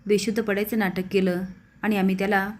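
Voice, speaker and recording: A woman's voice: mid-range voice, flat delivery, fairly quick, darkish tone. Woman narrating a serial recap. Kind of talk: scripted episode recap narration.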